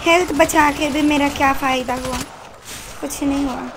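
Casting: high-pitched, excitable woman gamer calling orders to her squad, loud gunfire behind. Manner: excitable, swears, barks quick orders to teammates. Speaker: gaming channel host. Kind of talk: live mobile gameplay commentary with squad chat. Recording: constant gunfire and game noise behind.

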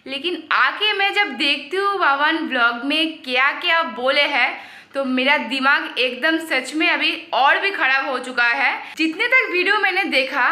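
Curt, bright-voiced young woman vlogger. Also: sits high, reverberant. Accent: Bengali. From Kolkata, India. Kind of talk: casual couple vlog.

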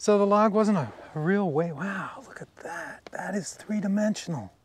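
Animated and high-pitched with a breathy edge, a middle-aged man speaks at normal speed while running a sawmill outdoors in a wooded yard. He gives a casual, musing commentary to the action camera on the mill, talking to himself and admiring the wood.

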